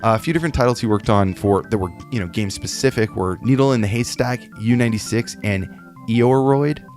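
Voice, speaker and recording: A man's voice: on the low side, fairly quick, faint music behind. A man co-hosting a podcast in casual, chatty talk with plenty of fillers. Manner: relaxed, chatty, with many fillers. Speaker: podcast co-host. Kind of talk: casual chat.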